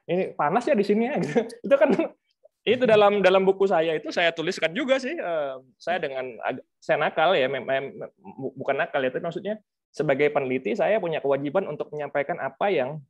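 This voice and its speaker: A man's voice: fairly high pitch, expressive, brisk. A man, a researcher and author, explaining his views in a webinar discussion in a conversational way, with frequent fillers and rhetorical tags. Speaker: guest speaker, researcher and author. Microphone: video call microphone.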